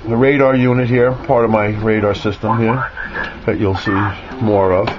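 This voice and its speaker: Speaking at a normal speed in a fairly low, level voice, a man casually gives an off-the-cuff tour of his radio hobby gear, boasting in a jokey, self-mocking way. He's indoors in a cluttered garage and radio room with crowd noise around him. The handheld camera's built-in mic makes the audio muffled, with clear noise.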